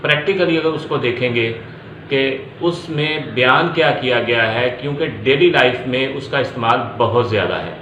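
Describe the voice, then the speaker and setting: A man with a Pakistani accent delivers an explanatory law lecture, restating each point step by step and mixing in English terms. His mid-range voice is a bit bright at a moderate pace, though the audio is dull, echoey and carries faint background noise.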